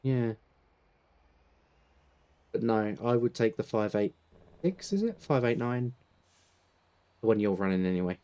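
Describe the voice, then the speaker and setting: A British man chatting casually while playing a driving game, laid-back, laughing often and clearing his throat. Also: lowish voice, unhurried, long pauses, mellow. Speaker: gaming channel host. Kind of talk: casual gameplay chat.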